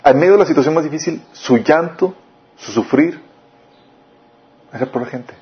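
A man's voice: a little high, moderate pace. Man preaching, dull lo-fi sound. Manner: questioning the listeners often, lively rises and drops. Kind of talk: sermon. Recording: dull lo-fi recording.

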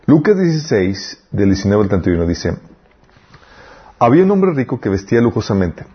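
Man, Bible teacher, husky voice, conversational, checks with the class, muffled lo-fi recording. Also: lowish voice, very animated, a little fast. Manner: conversational, asks the class for confirmation.

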